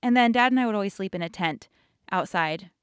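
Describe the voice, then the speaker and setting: A woman's voice: mid-range voice, lively intonation, a little fast, smooth, no room sound, studio quality. A young woman casually telling rambling childhood stories while sketching, laughing often. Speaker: art channel host.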